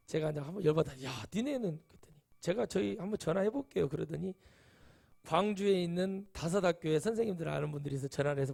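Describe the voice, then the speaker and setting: A man's voice: fairly high pitch, creaky, warm tone. A middle-aged male pastor giving a sermon, telling chatty stories and rising to emphatic exclamations. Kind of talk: sermon with anecdotes.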